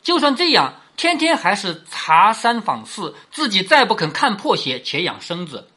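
A woman reading as a hushed, worried maidservant. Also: mid-range voice, very animated, moderate pace, husky, full character voice. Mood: sighing. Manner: sighing, hushed confiding. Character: young maidservant, gentle and worried.

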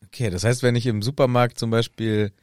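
A man's voice: mid-range voice, little pitch movement, a little fast, a little mellow, no echo, studio quality. A man co-hosting a podcast in easygoing, agreeable casual chat. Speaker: podcast co-host.

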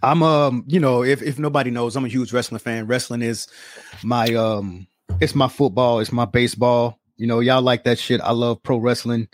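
Man, podcast co-host, rambling, lots of fillers, middle pitch, dry. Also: steady tone, moderate pace, dry recording. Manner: rambling, many fillers, earnest. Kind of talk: casual chat.

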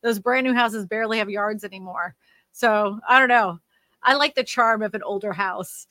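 Speaking at a normal speed with a pushed, bright, medium-pitched voice, a woman from Louisiana, USA, runs a casual livestream on the housing market and reads viewers' comments. She's slightly nasal and chatty, wandering through her points with frequent fillers and restarts, and there's no room sound.

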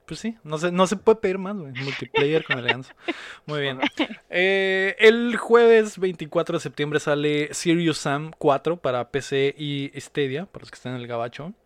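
A man's voice: fairly high pitch, normal speed, no room sound. A man with a Mexican accent hosting a gaming podcast in an informal, slangy way. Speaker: podcast host. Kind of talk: casual gaming podcast chat.

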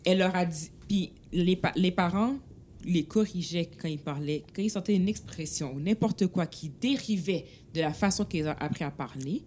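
A woman's voice: on the low side, normal speed, a little mellow, a little hiss or hum. A woman with a Quebec French accent arguing her point in a casual discussion, dropping English words into her French.

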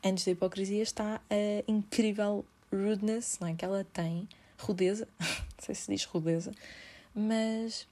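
A woman's voice: medium pitch, fairly even intonation, normal speed, dark tone. A young woman in her twenties, speaking with a European Portuguese accent and hosting her own podcast. She talks alone in an informal, chatty way, full of slang and English words. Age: 20s. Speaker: podcast host. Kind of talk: casual monologue.

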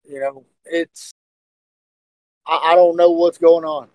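A man co-hosting a casual podcast, talking excitedly and speculating, often stumbling and repeating words. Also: a little high, takes it slowly, dry recording, rough recording. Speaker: podcast co-host.

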